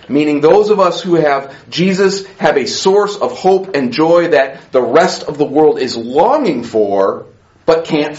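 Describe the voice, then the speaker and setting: A man preaching a sermon as pastor, passionate, swinging between soft asides and rising emphasis. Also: fairly high pitch, reverberant, dull audio.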